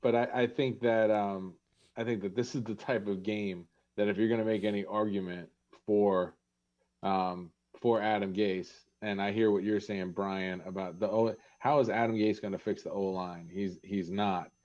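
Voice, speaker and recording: A man with a fairly low voice talks sports hesitantly, with halting starts. He comes through on a dull, lo-fi recording that takes the top off his voice. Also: steady tone, a little mellow. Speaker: podcast co-host. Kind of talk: casual sports chat. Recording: dull, lo-fi sound.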